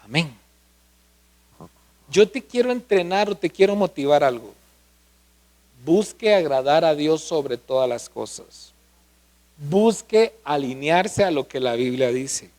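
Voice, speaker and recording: A man's voice: a little high, lively intonation, slow pace, long pauses, darkish tone. A male pastor preaching a sermon, often asking the congregation questions.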